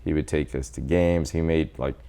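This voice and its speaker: A doctor from El Salvador in his forties, speaking at normal speed in a very deep voice, tells his life story as a guest in an informal interview. He stays animated and quotes people throughout.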